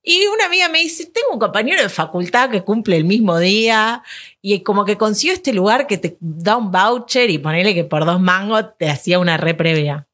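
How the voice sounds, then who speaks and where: A young woman with a Rioplatense Spanish accent tells an anecdote on a podcast. Her mid-pitched voice stays relaxed and easygoing. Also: fairly quick. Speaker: podcast co-host. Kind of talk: casual chat.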